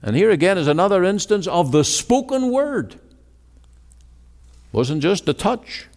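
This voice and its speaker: Slow, emphatic preacher in a reverberant hall. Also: male voice, sing-song, a little mellow. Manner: emphatic, rising to exclamations then dropping low. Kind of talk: evening gospel sermon. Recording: long reverb of a large hall.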